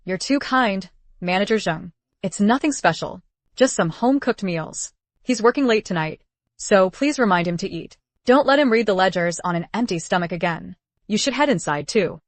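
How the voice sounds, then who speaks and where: Woman as a caring young wife, gently bossy, mid-pitched, period drama dub, dry studio sound. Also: animated, moderate pace, no room sound, lightly acted. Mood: polite, warm.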